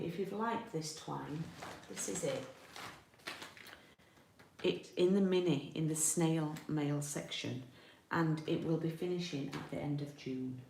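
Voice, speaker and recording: A woman from Yorkshire, England, hosts a casual live card-making tutorial, chatting informally and thinking aloud as she works. Her voice is on the low side and darkish, with vocal fry. The indoor room has a window, and the roomy recording uses a distant mic with faint noise and clicks.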